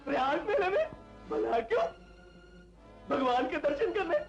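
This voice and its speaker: A man's voice: very high voice, wildly swooping pitch, normal speed, vocal fry, highs cut off, full character voice. An actor playing a manic, giggling male bandit chief who taunts and repeats words in a singsong, in 1970s film acting. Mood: mocking. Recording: old film soundtrack under loud music.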